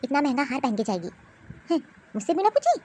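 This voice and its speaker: A woman's voice: sits high, big pitch swings, fast, dark tone, a little hiss or hum. A woman voicing a domineering older mother-in-law in a cartoon, with a harsh, taunting, commanding manner. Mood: scolding. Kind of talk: cartoon voice acting.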